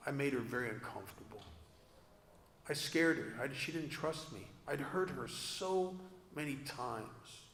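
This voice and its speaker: A man's voice: mid-range voice, lively intonation, unhurried, fairly bright tone, a little hiss or hum. Confessional man speaking in an echoey hall. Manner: earnest, confessional, self-deprecating humor. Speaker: speaker at a recovery convention. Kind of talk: personal recovery talk to an audience. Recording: echoey hall with long reverb.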